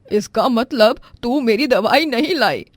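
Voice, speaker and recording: A woman voicing a stern, suspicious middle-aged mother-in-law who questions and scolds slowly. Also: a little high, expressive, no echo, pitched above the performer's own voice.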